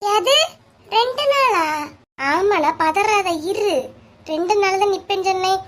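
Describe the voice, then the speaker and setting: Cartoon comedy: woman playing squeaky, nagging village neighbor women, Kanyakumari Tamil accent, scolding banter. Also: unhurried. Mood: bickering. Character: bickering, sharp-tongued village women neighbors.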